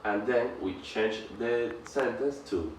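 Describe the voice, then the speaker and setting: A man presenting a grammar lesson, speaking haltingly, restarting phrases and reading example sentences aloud. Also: mid-range voice, recorded from a distance. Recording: echoey room, off-mic, faint background noise.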